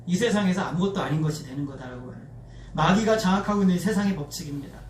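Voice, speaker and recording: A man's voice: high voice, rapid-fire. A male pastor preaching a sermon and leading his congregation in call-and-response, recorded in a church sanctuary. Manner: leads the congregation in call-and-response, lively and expressive. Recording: echoey church recorded from a distance, faint noise.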